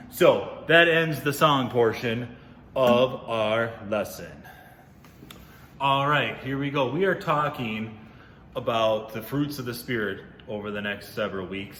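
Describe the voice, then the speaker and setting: A man's voice: mid-range voice, bright, forceful tone, echoey room, in a large hall, slight background noise. A man leading a casual, upbeat Bible lesson for children on video, chatty and often correcting himself. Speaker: youth ministry teacher.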